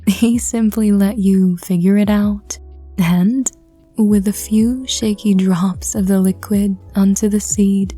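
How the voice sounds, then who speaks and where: A woman narrating in a hushed, breathy, intimate whispered role-play, addressing the listener directly. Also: medium pitch, steady tone, slow, soft background music. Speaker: audio drama reader.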